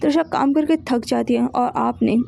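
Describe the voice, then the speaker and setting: A woman narrating an audio story, voicing a kind middle-aged mother who coaxes and gently corrects. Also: high-pitched, normal speed, vocal fry, full character voice. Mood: gentle. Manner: coaxing, gentle.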